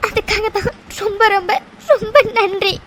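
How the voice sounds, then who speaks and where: Woman as a young cartoon heroine, very high voice, tearful, hesitant. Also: moderate pace, a bit bright, a little hiss or hum. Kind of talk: cartoon voice acting.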